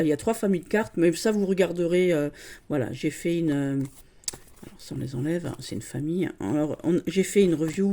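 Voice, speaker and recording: A woman's voice: fairly low pitch, mellow. A middle-aged woman in casual show-and-tell chat, gushing and chatty about the cards she shows, with constant little fillers. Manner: gushing, chatty, full of "voilà" and "hein". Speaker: card-deck collector vlogger.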